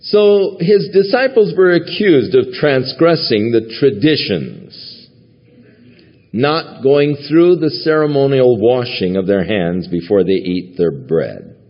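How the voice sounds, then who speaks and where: A man's voice: medium pitch, big pitch swings, takes it slowly. A man preaching a sermon in a church, teaching from the Bible in a conversational way and chuckling now and then. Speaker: pastor. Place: church sanctuary. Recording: lo-fi recording with long hall reverb.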